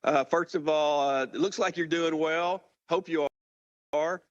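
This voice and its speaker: A man hosting a live link-up as a university president, informal and a bit halting as he restarts his questions. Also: a little high, steady tone, dry recording. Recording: dull, muffled event audio.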